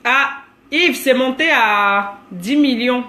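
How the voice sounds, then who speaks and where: This woman in her thirties has a Cameroonian accent and a high, bright, pushed voice, speaking slowly. In casual live-stream chat she reads comments, greets viewers by name, and teases them.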